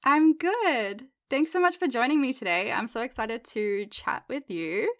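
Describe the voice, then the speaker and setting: A woman's voice: fairly high pitch, animated, unhurried, fairly bright tone. Upbeat woman podcast host. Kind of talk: podcast interview.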